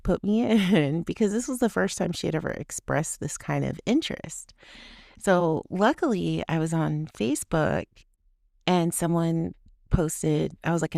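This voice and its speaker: A woman's voice: sits low, creaky, a little mellow, no echo, clean studio sound. A woman in her thirties hosting a podcast, talking casually and with laughs through a personal story, often quoting herself and others. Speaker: podcast host. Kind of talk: personal reflection monologue.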